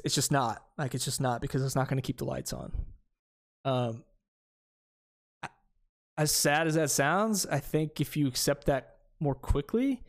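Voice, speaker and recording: A man's voice: mid-range voice, creaky. A man who is a small streamer, talking casually in a podcast chat and rambling with lots of fillers and restarts.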